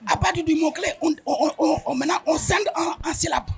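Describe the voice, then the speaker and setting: A man's voice: extremely high pitch, fairly quick. A man with a Senegalese accent, a school head, explaining teaching methods step by step in an emphatic, repetitive way. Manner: emphatic, stepwise explaining, often repeats words. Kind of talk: explanatory interview answers.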